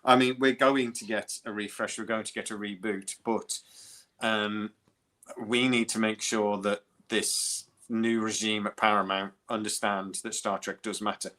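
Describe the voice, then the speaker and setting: A British man hosts a podcast in an animated, chatty way, his voice going hoarse after a long talk. His tone is bright and forceful, with a firm edge. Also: on the low side, unhurried. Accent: British English. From United Kingdom. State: hoarse from talking. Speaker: podcast host. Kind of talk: casual chat.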